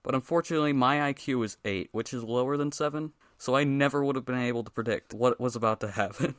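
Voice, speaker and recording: A young man narrating his own animated story with deadpan, self-mocking humor that rises into excited outbursts. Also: medium pitch, fast talker.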